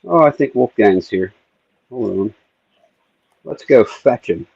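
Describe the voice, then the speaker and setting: A man's voice: medium pitch, lively intonation, slow, vocal fry, darkish tone, breathy edge, no room sound. A man hosting a casual stream, muttering to himself as he works. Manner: mutters to himself while working. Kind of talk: casual chat while picking. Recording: dull lo-fi stream audio.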